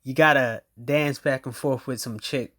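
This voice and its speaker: Slow, blunt man commenting. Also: medium pitch, steady tone, fairly bright tone. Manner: drawling, blunt, crude. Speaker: commentator reacting to a clip.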